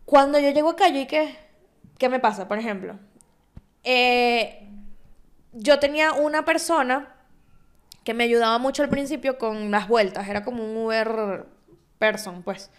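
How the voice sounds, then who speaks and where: A woman's voice: on the high side, measured pace, long pauses. A young Venezuelan woman with a Venezuelan accent, hosting a casual podcast chat and telling stories with slangy, laughing asides. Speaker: podcast host.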